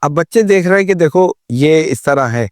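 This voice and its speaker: A man's voice: on the high side, expressive, no echo, studio quality. A man as a religious scholar guest, patiently explaining good manners with everyday examples. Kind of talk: advice talk in a studio discussion.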